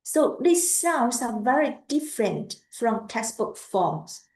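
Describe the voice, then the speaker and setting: A woman giving a lecture on language teaching, speaking haltingly and repeating words as she goes. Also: fairly high pitch, sing-song, darkish tone, echoey room, rough recording.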